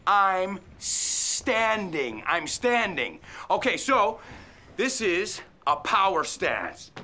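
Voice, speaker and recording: A man's voice: high-pitched, sing-song, extremely slow, bright, forceful tone, a little hiss or hum, full character voice. Brash fitness showman Mister Strong. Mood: boastful. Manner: brash, showy, blows kisses. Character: boastful male fitness showman, loud and upbeat. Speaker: fitness character teaching English.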